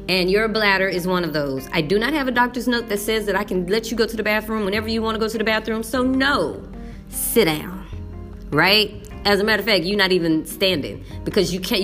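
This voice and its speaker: A Texan woman who teaches middle school chats casually to the camera about it, her mid-range voice fairly bright. She's folksy and emphatic, and she slips into the voices she uses in class.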